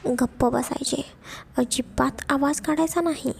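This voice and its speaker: A woman doing a gruff, bossy male kidnapper. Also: high voice, steady tone, measured pace. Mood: harsh. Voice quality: curt, bossy orders. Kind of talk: audio story reading.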